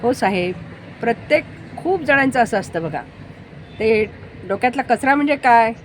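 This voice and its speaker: A woman voicing a calm, humble rickshaw driver. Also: very high voice, normal speed, slight background noise. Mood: explaining calmly. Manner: gentle, patient, homespun wisdom.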